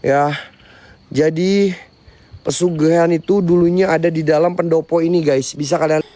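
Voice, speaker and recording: A man's voice: on the high side, steady tone, normal speed, mellow. A young man live-streaming a ghost hunt, jumpy and calling out to spirits while muttering prayers under his breath. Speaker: paranormal explorer streamer.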